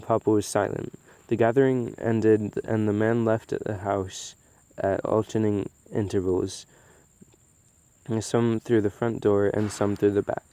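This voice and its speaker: Low-voiced man reading a novel aloud. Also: measured pace, smooth, no room sound. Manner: steady, with small slips and restarts. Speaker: audiobook reader.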